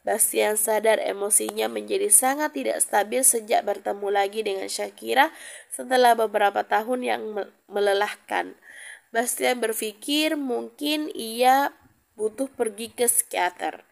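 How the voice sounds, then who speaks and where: A woman narrating a story aloud in a calm, even reading voice with small slips. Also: a little high, measured pace, gravelly.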